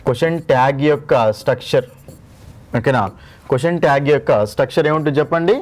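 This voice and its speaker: A man's voice: fairly high pitch, steady tone, quick pace. A man with a Telugu accent teaching an exam-prep English grammar lesson, repeating each rule and checking that students follow. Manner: repeats each rule and asks the class to confirm.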